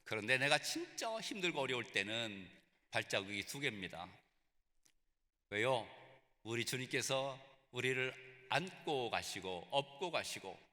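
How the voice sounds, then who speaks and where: A man's voice: medium pitch, very animated, unhurried, bright, forceful tone. A man preaching a sermon at a graduation ceremony, telling stories earnestly. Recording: reverberant hall.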